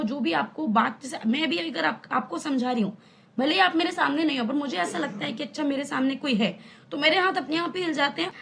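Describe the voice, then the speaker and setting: A woman's voice: sits high, vocal fry, bright, forceful tone. A young woman teaching an online class in a chatty way, explaining with everyday examples and asking rhetorical questions. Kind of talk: casual online lesson.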